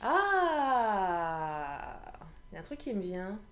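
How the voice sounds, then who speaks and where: A woman with a hoarse voice giving a chatty card reading for viewers, often laughing at herself and clearing her throat. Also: mid-range voice, very animated, takes it slowly, a bit bright, a little hiss or hum. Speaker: tarot card reader. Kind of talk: card reading guidance video.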